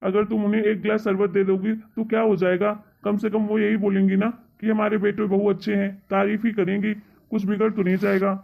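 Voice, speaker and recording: A man's voice: high-pitched, flat delivery, fairly quick, gravelly. Man voicing a pleading husband, tinny sound. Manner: pleading, reproachful. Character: patient husband pleading for his mother. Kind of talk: cartoon story voice acting.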